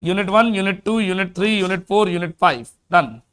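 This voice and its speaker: A man teaching accounts in a fast classroom lecture, asking and answering his own questions. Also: sits high, fairly bright tone.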